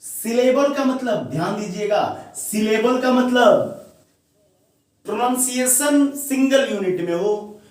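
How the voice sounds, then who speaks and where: A man's voice: very high voice, animated, takes it slowly, darkish tone. A man teaching grammar in Hindi with terms, often asking questions and answering them himself. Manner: questions the viewer often and answers himself, repeats key words. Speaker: English teacher. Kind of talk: classroom-style grammar lesson. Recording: very echoey room, voice far from the mic.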